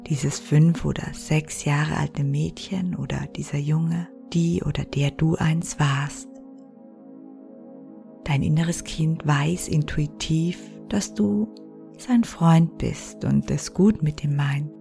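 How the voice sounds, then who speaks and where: A woman guides a meditation like a sleep story narrator. Her voice is low and mellow, with a soft creak and breathy phrase endings. She speaks slowly and soothingly over music. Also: fairly even intonation. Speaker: podcast host and guided meditation leader.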